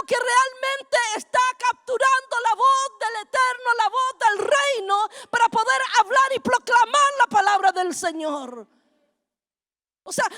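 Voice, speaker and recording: Lady preaching, super high voice, gets loud and fiery, keeps saying brother. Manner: fervent, builds to shouting, addresses "hermano". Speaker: apostle preaching at a congress. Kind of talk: sermon.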